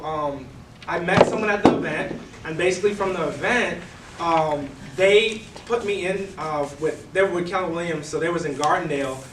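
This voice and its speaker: A young Bahamian-accented guest speaker, his voice a little high, gives a relaxed, casual presentation to a live audience, peppered with "you know" and "right?". Recorded on a distant, roomy mic in an event room, the audio carries a slight hiss or hum.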